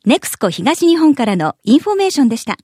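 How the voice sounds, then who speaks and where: A woman reading a scripted public information announcement in a formal, clearly worded manner. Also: high-pitched, very animated, fast talker, a little mellow, no room sound, studio quality. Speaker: announcer of a motorway information spot.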